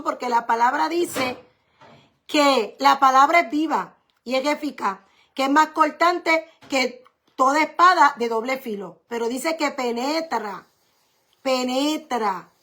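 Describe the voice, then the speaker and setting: A woman's voice: high voice, a little slow, sharp tone. A woman pastor preaching a sermon, repeating key phrases and asking rhetorical questions.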